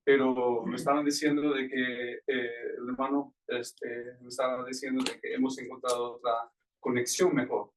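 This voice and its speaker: A man in a church meeting, speaking from a distance off the microphone at an ordinary pitch. He talks in a relaxed, rambling way with many hesitant fillers between his thoughts. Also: normal speed. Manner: conversational, filler-heavy with este. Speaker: congregation member. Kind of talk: church Q&A talk.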